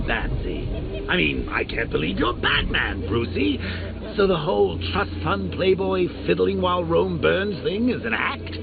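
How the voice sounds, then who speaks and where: The Joker, wildly swooping gleeful clown villain. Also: male voice, narrow, tinny audio, full character voice. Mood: mocking glee. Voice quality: gravelly, creaky voice with shrill swoops. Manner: mocking, drawling, theatrical delivery. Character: gleefully sadistic, taunting, theatrical clown villain. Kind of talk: theatrical video game villain acting.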